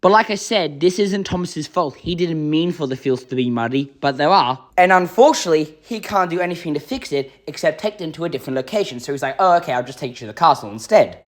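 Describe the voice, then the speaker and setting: A man's voice: a little high, a little fast, few pauses. A man hosting his own video, explaining his views in an earnest, explanatory way and now and then acting out quoted lines. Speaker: channel host reviewing a children's show episode. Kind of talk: casual video commentary.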